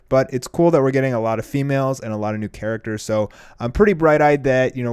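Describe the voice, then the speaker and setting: A man's voice: mid-range voice, a little mellow, clear, resonant tone, no echo, clean studio sound. A young man giving casual, enthusiastic commentary as host of an anime review channel, in informal fan talk.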